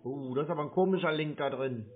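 A man's voice: on the high side, quick pace. A man stringing along a scam caller on the phone, playing dumb, stalling and teasing. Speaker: scam-baiting call recipient. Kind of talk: prank phone call. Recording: tinny phone line.

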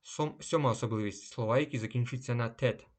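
A man reads through a vocabulary lesson in a measured, even delivery. His voice sits at a middling pitch. He slows down on each German word so it comes out clearly. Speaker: language teacher.

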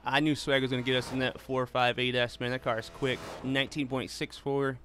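Fairly quick and medium-pitched with little pitch movement, a man talks casually to viewers while driving in a live racing game stream. The game's engine noise is loud over his voice.

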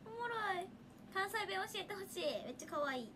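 A woman's voice: extremely high pitch, lively intonation, fairly quick, noisy background. A young woman with a Hiroshima accent chatting casually on a livestream, reading viewer comments and laughing often. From Hiroshima, Japan. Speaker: idol livestreamer.

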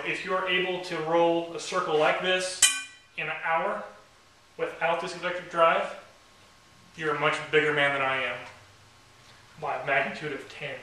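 A young man with wry, dry humor demonstrates his company's product to camera in a garage workshop. His slightly high voice is bright and forceful, but the camera mic across the room makes it sound distant and very echoey, with slight background noise.

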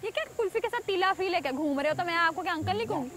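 Fast, high-voiced teasing young woman. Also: animated. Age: young adult. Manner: teasing, mock-innocent, talks over others. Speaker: prank video host. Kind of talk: street prank, arguing. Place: outdoor park. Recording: loud background music.

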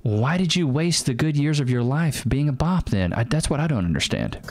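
A man's voice: medium pitch, very animated, normal speed. A man in his thirties hosting a reaction show, teasing and mocking in sarcastic, sing-song asides, recorded on a studio mic. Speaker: host. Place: small studio room. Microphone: boom-mounted studio mic. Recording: studio voice with music underneath.

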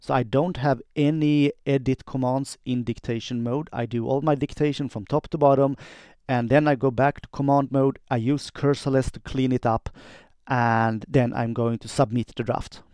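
A man dictating text and voice commands in short phrases as he demonstrates software. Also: mid-range voice, steady tone, moderate pace, clean tone, no room sound. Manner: dictating in short clipped phrases, speaking punctuation and commands aloud.

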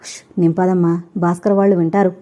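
A woman's voice: lowish voice, little pitch movement, fairly quick, lightly acted. A woman voicing a weary, resigned young mother. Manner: soft, detached.

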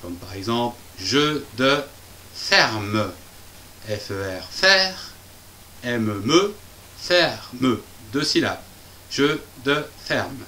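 Slow, bright-voiced man spelling syllables. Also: medium pitch, expressive, a little hiss or hum. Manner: playful, chatty asides and laughs. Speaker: presenter of children's reading videos.

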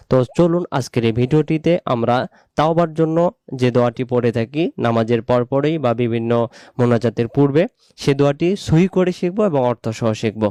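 A man from Bengal giving a prayer pronunciation lesson, slowly drawing out and repeating each word as he teaches. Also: medium pitch, dark tone, dry recording. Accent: Bangladeshi Bengali. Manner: slow, drawn-out recitation of words. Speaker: religious teacher.

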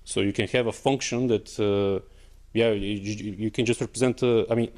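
A man's voice: on the low side, fairly even intonation, moderate pace, a little mellow. Young man giving a hesitant technical talk. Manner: hesitant, many fillers and restarts. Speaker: conference speaker. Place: lecture auditorium.

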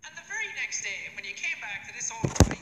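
Brief: wistful male factory worker, high lively voice, echoey far-off game tape over music. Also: a little fast, background noise. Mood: musing. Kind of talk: game audio log.

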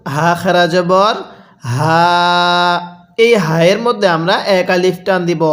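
A man with a Bangladeshi Bengali accent teaching Quran reading, patiently spelling out syllables and repeating them slowly for learners to say back. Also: high-pitched. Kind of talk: slow spelled-out recitation lesson.

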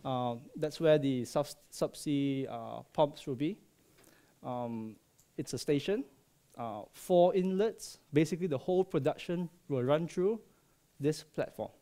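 On a headset in a large lecture hall, a Malaysian man in his thirties who works as a subsea processing engineer gives a warm, joke-filled conference presentation full of ums and uhs. His voice is on the high side, mellow and unhurried.

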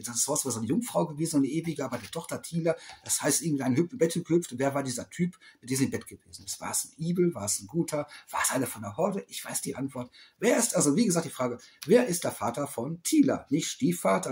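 A middle-aged toy collector vlogger talks close to a webcam in a small room, reading out quiz questions for a casual quiz vlog. He rambles, restarts, self-corrects and teases, backtracking often. His voice is a little high for a man and a little mellow, swinging widely up and down.

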